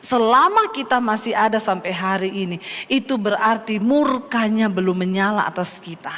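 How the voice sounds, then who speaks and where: A woman's voice: mid-range voice, lively intonation, normal speed, a bit bright, long reverb tail. A woman pastor preaching a sermon, calling the congregation "brothers and sisters" and acting out inner voices. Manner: addresses congregation as "saudara", acts out inner voices.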